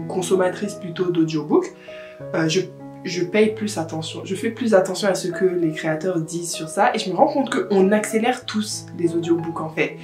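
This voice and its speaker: A woman book vlogger chatting casually to camera, sprinkling English words into her talk. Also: lowish voice. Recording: roomy echo with faint guitar music.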